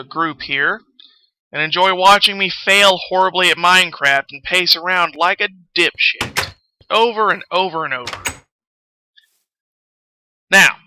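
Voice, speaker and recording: A game streamer hosts a livestream, chatting casually while he plays, rambling, swearing and putting himself down. His high voice is pushed, bright, clear and resonant, recorded dry.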